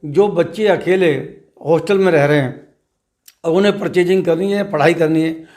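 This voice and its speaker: A man, a trade representative, giving measured, emphatic interview answers and often posing rhetorical questions. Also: on the high side, a little mellow. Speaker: trader association leader interviewed as guest.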